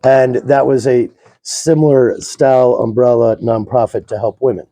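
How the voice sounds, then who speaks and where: A male interviewer with a very dark, mellow voice asks questions in a casual, slightly halting way. The recording is close and dry. His delivery sounds friendly and unscripted. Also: medium pitch, steady tone, no room sound, poor audio. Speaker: interviewer, host. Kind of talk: interview conversation.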